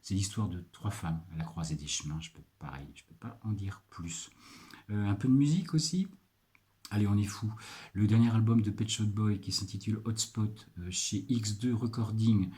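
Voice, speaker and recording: A French librarian presenting picks in a casual video, hesitant and full of filler pauses as he checks his notes. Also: lowish voice, dark tone. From France.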